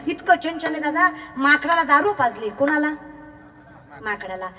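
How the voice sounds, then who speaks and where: High-voiced young woman preaching with humor. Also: moderate pace. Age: young adult. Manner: animated, mimics villagers, teasing. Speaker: kirtan preacher. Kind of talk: devotional sermon with comic asides. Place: large outdoor ground. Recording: long echo from outdoor PA.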